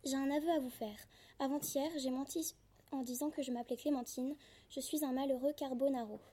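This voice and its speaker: A woman's voice: high voice, fairly even intonation, fairly quick, dark tone, lightly acted. A woman reading aloud the formal, earnest lines of a wounded young stranger in hiding. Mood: pleading.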